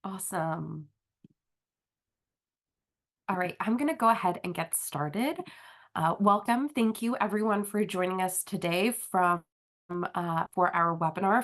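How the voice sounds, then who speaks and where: This woman's voice sits on the low side, animated but unhurried, as she hosts an online webinar over a video call. A marketing manager with a slight cold, she's a bit sniffly and presents casually and warmly, using plenty of fillers.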